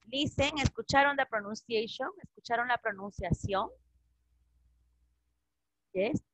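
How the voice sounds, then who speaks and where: High, slow-spoken teacher woman. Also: sharp tone, dry recording, poor audio. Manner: patient, switches between Spanish and English. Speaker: English teacher. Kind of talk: classroom instruction.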